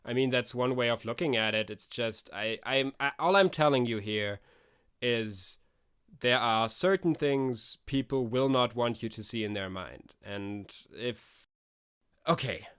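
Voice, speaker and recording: A man's voice: mid-range voice, a little slow, fairly bright tone, clear, resonant tone, close to an everyday voice. A man playing a weary government agent woman. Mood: exasperated. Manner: patient but exasperated, trips over his words. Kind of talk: tabletop role-play dialogue.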